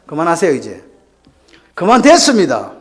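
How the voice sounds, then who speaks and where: A man's voice: on the high side, huge pitch swings, normal speed. A male pastor preaching a Sunday sermon, throwing rhetorical questions and calls for response to his congregation. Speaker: senior pastor.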